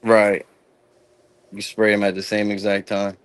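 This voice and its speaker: A man guest chatting casually, explaining things in a relaxed, plain way with fillers. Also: on the low side, unhurried, clean tone. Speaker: guest grower. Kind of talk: casual chat.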